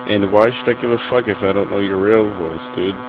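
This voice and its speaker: A man's voice: fairly low pitch, a little fast. A young man ranting at another gamer in voice chat, aggressive, profane and taunting. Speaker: online gamer. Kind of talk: voice-chat rant. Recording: muffled noisy game voice message.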